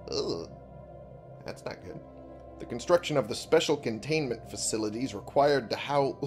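A man giving casual, informal gameplay commentary as a host, thinking out loud, reading on-screen text and swearing freely. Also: mid-range voice. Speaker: video game let's-play host.

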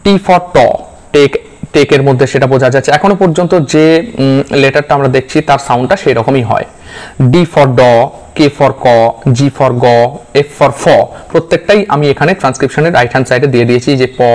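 A man's voice: medium pitch, a little mellow. A man, teaching a slide-based pronunciation lesson, patiently repeating example sounds one by one.

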